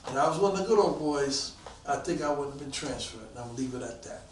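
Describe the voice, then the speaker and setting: A man around sixty, a police detective guest telling stories in a casual interview. He is animated and acts out the voices of people he quotes. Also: medium pitch, fast, a little hiss or hum. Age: about 60. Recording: roomy, mic at a distance.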